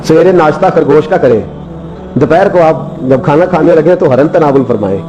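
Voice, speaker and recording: A preacher doing a sly, deferential fox. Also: male voice, fairly high pitch, lively intonation, moderate pace, dark tone, muffled recording, soft background music, close to an everyday voice. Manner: deferential, careful. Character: clever, cautious female fox.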